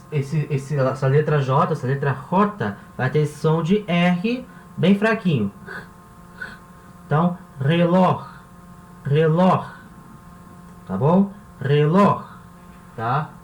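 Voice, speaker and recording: A man with a slightly raised voice gives a patient video lesson, drawing out each word and returning to it again and again. His voice rings in an echoey room with a faint hum of ambience behind it. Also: on the high side. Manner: patient, repeats words slowly, checks in with "tá?" and "né?". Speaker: language teacher. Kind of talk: classroom-style video lesson.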